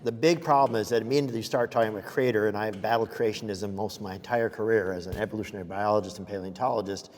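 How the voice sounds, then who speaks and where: A man's voice: on the low side, steady tone, in a large hall, a little hiss or hum. Articulate scientist in his sixties. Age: 60s. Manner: measured, articulate arguer. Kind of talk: panel discussion.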